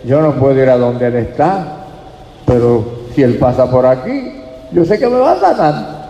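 A man's voice: mid-range voice, sing-song, moderate pace, warm tone, echoey room, long reverb tail, lo-fi sound. A man voicing a blind adult male beggar, pleading and crying out to be heard. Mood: hopeful pleading.

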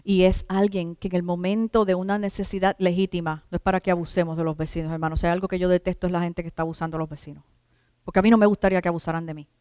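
Smooth-voiced woman preaching a sermon. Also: fairly low pitch, steady tone, warm tone, dry recording, clean studio sound, in a large hall. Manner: emphatic, drawn-out stresses on key words; addresses the congregation as brothers.

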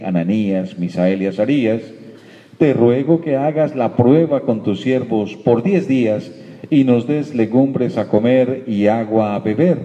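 A man's voice: fairly low pitch, dark tone. A man reading a Bible passage aloud in church. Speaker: scripture reader. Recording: lo-fi recording with long hall reverb.

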